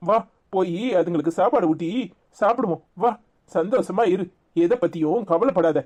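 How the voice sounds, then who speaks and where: A performer voicing a calm, reassuring husband and father in a cartoon serial, with a Tirunelveli Tamil accent. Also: medium pitch, moderate pace, close to an everyday voice.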